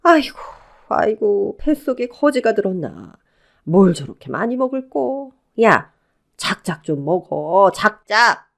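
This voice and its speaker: A woman's voice: medium pitch, expressive, normal speed, close to an everyday voice. A woman voicing a domineering older mother-in-law who scolds and barks orders, in radio drama acting. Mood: mocking.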